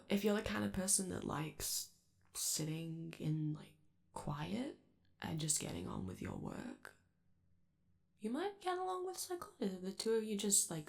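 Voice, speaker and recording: In a comforting ASMR roleplay, a woman with a gravelly, mid-range voice plays a friendly but nervous robot alien crewmate. She rambles and hesitates while reassuring the listener.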